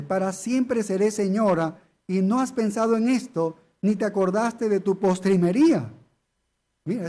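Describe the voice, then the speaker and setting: A man with a notably high voice preaches an expository sermon. He leans hard on key words, says them again and again, and keeps throwing rhetorical questions at his listeners. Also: warm tone. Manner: emphatic, repeats key phrases, asks rhetorical questions. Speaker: pastor.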